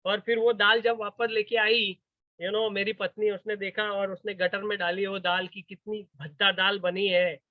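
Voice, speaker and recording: A man's voice: high voice, level tone, normal speed, dry recording, phone-quality sound. A man giving a storytelling motivational talk, acting out the voices of the people in his story. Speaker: motivational speaker.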